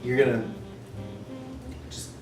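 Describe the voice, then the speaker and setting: A man's voice: slow, far from the mic. Man, giggly drunk, goofy rambling, casual cooking banter, echoey kitchen, background music. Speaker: co-host of a cooking video. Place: indoor kitchen. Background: music, clattering dishes.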